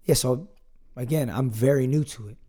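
A man's voice: medium pitch, moderate pace, mellow. A young man in casual conversation as a podcast guest, talking earnestly with lots of fillers and restarts. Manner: rambling, filler-heavy, earnest.

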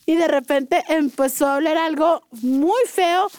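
A brash woman with a very high voice trades teasing gossip and catchphrases. Her voice sits close and dry, with no room around it. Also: a little slow, darkish tone, no room sound. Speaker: guest. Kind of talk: rowdy gossip chat.

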